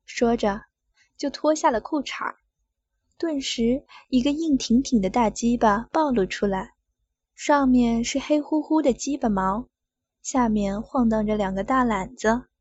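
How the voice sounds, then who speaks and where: A middle-aged woman narrating an adult audio story in the first person, in a steady reading voice. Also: a little high, measured pace, no room sound, dull audio.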